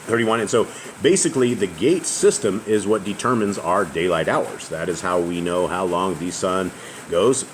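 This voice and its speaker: In a low-quality recording, a man with a very deep, booming voice hosts a casual family Bible study, reading scripture aloud with pauses. Faint outdoor sounds come through, since the house is open to the outside and the roof is noisy.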